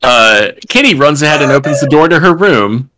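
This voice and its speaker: Over a remote video call from a room at home, a table read participant reads the stage directions aloud, tossing in exasperated, sweary jokes. The mid-range voice is expressive and moderately paced, with crowd noise in the background.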